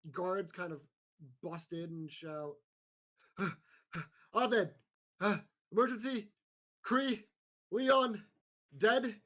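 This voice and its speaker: Gm narrating a tabletop game, loose and rambly, mid pitch. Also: a little mellow. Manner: casual, rambling, many fillers. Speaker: game master.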